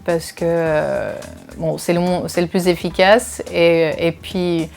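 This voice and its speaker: A musician from California with an American accent, answering interview questions in a hesitant way with many fillers, over faint music. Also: female voice, on the low side, steady tone, slow, creaky, darkish tone. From California, USA. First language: English. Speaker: musician guest.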